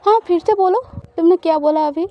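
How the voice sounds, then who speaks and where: A woman's voice: high voice, lively intonation, brisk, dull audio, soft background music. A woman voicing a smug, teasing possessive spouse. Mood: coaxing.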